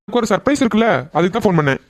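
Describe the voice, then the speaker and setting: A woman's voice: mid-range voice, lively intonation, racing, close to an everyday voice. A woman voicing a playful young man who coaxes and pleads with his girlfriend in a cartoon. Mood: coaxing. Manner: coaxing, cheeky.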